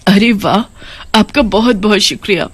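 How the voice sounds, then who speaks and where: A woman's voice: medium pitch, moderate pace, fairly bright tone, slightly rough, dry recording. A woman voicing a grieving mother who has become a witch ghost, pleading and motherly in a cartoon story. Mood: earnest.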